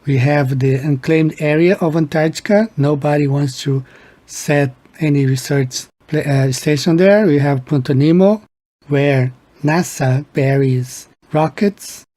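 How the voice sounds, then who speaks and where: A man's voice: on the high side, dark tone. A man hosting his own video channel, talking in a loose, rambling commentary style. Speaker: channel host. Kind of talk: casual commentary.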